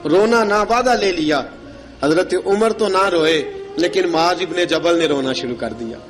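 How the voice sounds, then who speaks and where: High-voiced man preaching with faint music. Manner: dramatic, rising to high emotional pitch in quoted speech. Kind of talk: sermon storytelling.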